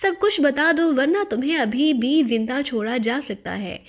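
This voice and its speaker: A woman's voice: high voice, lively intonation. A woman voicing an icy, growling male agent. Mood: cold menace. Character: cold, ruthless male secret agent interrogator.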